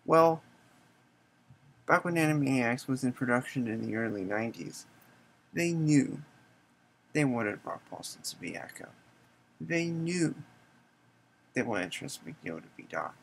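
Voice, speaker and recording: A man's voice: medium pitch, expressive, measured pace, gravelly, long pauses, rough recording. A man hosting an educational explainer video, speaking plainly and steadily in a General American accent. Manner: plain explanatory delivery, no put-on voices. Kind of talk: explainer monologue.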